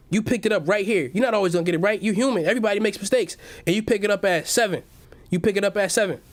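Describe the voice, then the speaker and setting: A man hosting a live stock-market stream, chatting with his viewers in an energetic hype-man style. He repeats nearly every phrase and keeps calling his audience "baby.". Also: sits high. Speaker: stock market livestream host.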